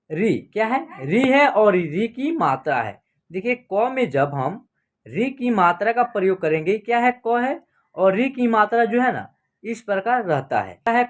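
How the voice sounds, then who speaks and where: A woman teaching an online alphabet lesson, slowly drawing out each syllable and often checking in with the listener. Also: medium pitch. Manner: slow, drawn-out syllable demonstrations with frequent check-ins.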